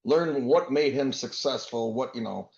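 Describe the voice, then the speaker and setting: A man hosting a business roundtable, giving tips in a quick conversational coaching tone over a video call. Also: mid-range voice, vocal fry, darkish tone. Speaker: host. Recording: roomy, dull video call audio.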